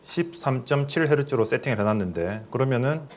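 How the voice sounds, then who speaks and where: A man's voice: medium pitch, expressive, brisk. A middle-aged man, a professor, giving a recorded lecture in a plain explanatory way, with fillers and questions to the listeners.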